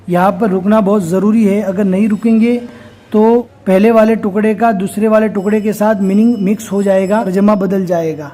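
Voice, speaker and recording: High mellow guy teaching quran reading, patient step by step explaining. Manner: explains slowly and step by step, then recites in a slow chanting voice. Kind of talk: recorded recitation lesson.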